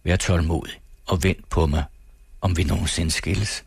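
Low husky guy reading a novel on the radio, calm and measured, dry close sound. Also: no room sound.

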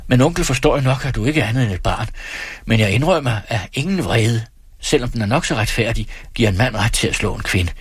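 A man reading aloud, voicing a proud, hot-tempered young man who turns shrill and indignant. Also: lively intonation, husky, no echo. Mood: stiff. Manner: stiff, reproachful, then shrill outburst.

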